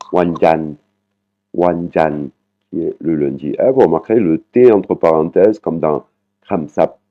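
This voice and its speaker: Brief: very low-voiced male teacher, patient and explanatory, filler-tagged, phone-quality audio. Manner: patient explaining, with frequent "hein" tags and slow repeated Thai words. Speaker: Thai language teacher. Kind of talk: online language lesson. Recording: muffled, phone-like sound.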